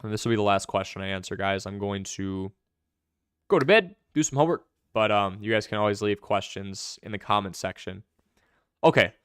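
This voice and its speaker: A young man hosting a live fantasy football stream, answering viewer questions in quick, chatty commentary. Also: lowish voice, expressive, fairly bright tone, smooth, no echo, clean studio sound. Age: young adult.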